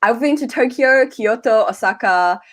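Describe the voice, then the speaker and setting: A woman's voice: on the high side, animated, moderate pace. A woman with an Australian accent hosting a casual livestream chat, talking with lots of "like" fillers. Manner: chatty, many "like" fillers. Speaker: host.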